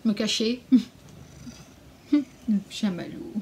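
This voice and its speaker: In a home beauty vlog, a woman with a fairly high voice chats casually through an anti-haul, frank, opinionated and a little sarcastic, drawing out her words. Now and then she coos to her cat, and there's a lot of background noise.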